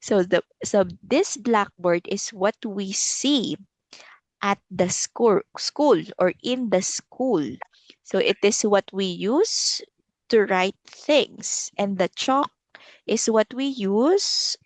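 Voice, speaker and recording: Very slow, lively woman teaching a toddler. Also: mid-range voice, dry recording. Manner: talks as if to a toddler, simple phrases repeated, encouraging; laughs often between phrases. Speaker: English vocabulary teacher for a young child. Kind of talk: slow, simple children's lesson with repetition.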